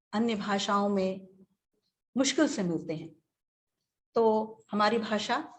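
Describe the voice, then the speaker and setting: A woman teacher with a mid-range voice gives a webinar lecture, speaking slowly and deliberately. Now and then she acts out short examples.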